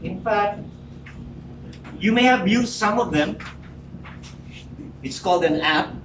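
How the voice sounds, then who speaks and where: A man in his forties delivers a prepared, emphatic and rhetorical speech directly to a live audience in a meeting room. His voice is high and expressive, and he speaks slowly. The recording is noisy, with a distant mic and the echo of a roomy hall.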